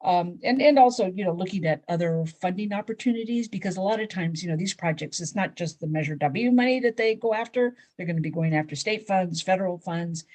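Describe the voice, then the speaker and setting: A woman on a panel explaining a funding process in a measured way, with many fillers and restarts. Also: lowish voice. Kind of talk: panel discussion on a video call.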